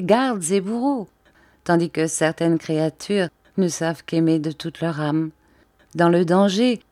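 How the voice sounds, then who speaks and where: A woman voicing a refined, gentle countess in an audiobook, speaking softly and reflectively. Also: lowish voice, no room sound, lightly acted. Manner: soft, measured, reflective.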